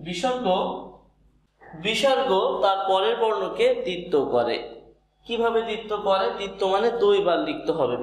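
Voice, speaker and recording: Man teaching pronunciation, high voice, methodical, repeats examples. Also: slight background noise. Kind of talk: pronunciation lesson. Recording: very echoey room.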